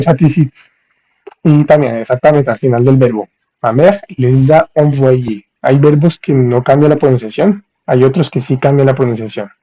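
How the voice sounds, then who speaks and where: A man teaching French in on a live stream, reading viewers' comments and saying French examples slowly. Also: mid-range voice, mellow, highs cut off. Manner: reads viewers' chat, thanks them for gifts, spells French slowly. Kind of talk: live-streamed language lesson.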